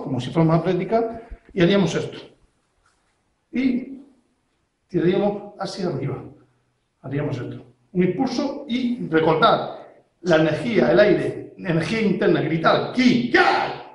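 High-voiced man teaching self-defense. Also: a little mellow. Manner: explains step by step, checks in constantly with the learner. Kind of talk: hands-on technique demonstration. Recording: very echoey room.

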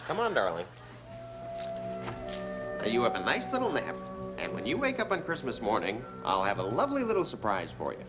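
An actor playing a middle-aged, long-suffering playwright husband, wry, nervous and placating, in a television comedy sketch. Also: male voice, mid-range voice, wildly swooping pitch, brisk, pauses often, loud music behind the voice.

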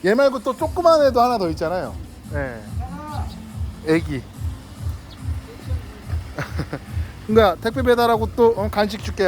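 High-voiced man coaxing dogs playfully. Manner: coaxing, playful, laughs often, talks to dogs like friends. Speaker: delivery driver vlogger. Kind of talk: casual talk to dogs and owner.

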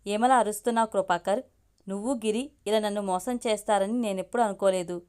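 A woman's voice: medium pitch, steady tone, brisk, darkish tone, smooth, lightly acted. A woman reading a story aloud, voicing a distraught young woman medical student who cries out her accusations. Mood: shouting. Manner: accusing, crying out.

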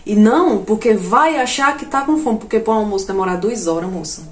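A woman doing a comic storytelling monologue, animated and jumping to shrill outbursts when she quotes herself. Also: a little fast. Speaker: comedian. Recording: echoey room.

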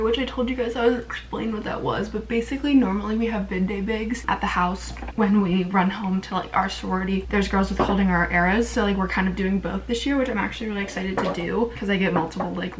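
A young woman chatting casually in a vlog with a bubbly, excitable sorority-girl manner, using lots of "like" and emphatic repeats. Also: medium pitch. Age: young adult. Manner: frequent "like" and "literally". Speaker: vlogger. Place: small indoor rooms, bathroom and bedroom. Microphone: camera at arm's length. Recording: noisy handheld camera audio.

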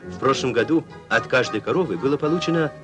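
Old newsreel narrator guy, proud announcer tone, lively rising and falling pitch, music going under him. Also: fast. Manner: formal, declamatory announcer delivery. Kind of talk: old Soviet newsreel voice-over.

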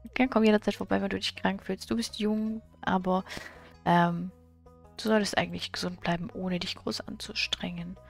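Kind nervous young doc from a farming game, read out by a woman, gentle, a bit hesitant, middle pitch. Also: fairly even intonation, moderate pace, creaky, soft background music. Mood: gentle reassuring. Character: friendly, nervous young male village doctor.

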